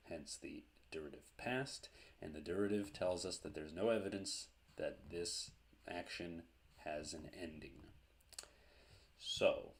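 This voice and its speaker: A man teaching a language lesson, explaining grammar step by step in a slow, methodical way. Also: low-pitched, creaky.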